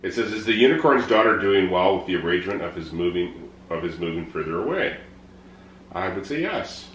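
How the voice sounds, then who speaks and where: Deep-voiced, unhurried man in echoey room. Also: animated, a bit bright, highs cut off. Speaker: vlogger's partner, co-answering questions. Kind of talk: casual chat. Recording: roomy echo, faint background noise.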